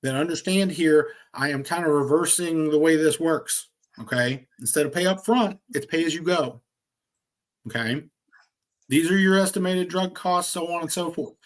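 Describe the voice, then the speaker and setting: An insurance agent trainer shares his screen to demonstrate quoting software, speaking in an energetic, salesy way with quick asides. His voice is fairly high.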